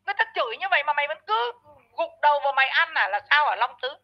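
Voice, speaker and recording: A woman with a high voice rants in a commentary video, heaping harsh insults and tripping over repeated words as she scolds. The audio is dull and lo-fi. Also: sing-song, very fast. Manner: frequent stammered repeats. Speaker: online commentator. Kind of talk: ranting commentary vlog.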